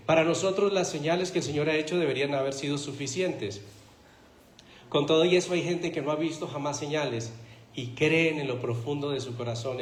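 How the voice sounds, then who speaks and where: A man preaches from the pulpit of a church, pressing his point with one rhetorical question after another. His voice sits on the higher side for a man. The sound rings around an echoey hall. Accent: Spanish-speaking Latin American. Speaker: pastor. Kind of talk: sermon.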